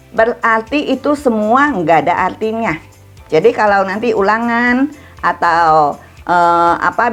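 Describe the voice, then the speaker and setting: A woman Mandarin teacher giving an online lesson to schoolchildren, drilling syllables slowly with exaggerated tones. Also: mid-range voice.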